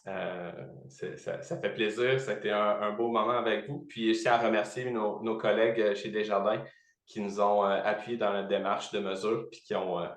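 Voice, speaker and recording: A man with a Quebec French accent giving halting, conversational answers as an interview guest, in a roomy, echoing recording. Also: fairly low pitch, fairly even intonation. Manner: halting, repeats words while searching. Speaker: podcast guest, training professional.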